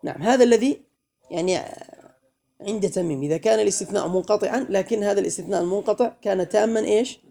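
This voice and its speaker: A man teaching a grammar class, his voice gravelly and mellow. He keeps quizzing the room with questions and slows down to chant lines of verse. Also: sits high. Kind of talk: classroom lesson.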